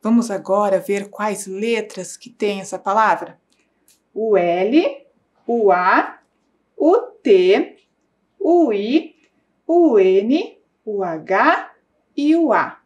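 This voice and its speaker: A woman primary school teacher giving a slow, clear lesson to young children, patient and sing-song, stretching out syllables. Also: medium pitch, animated. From Brazil. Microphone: broadcast studio mic.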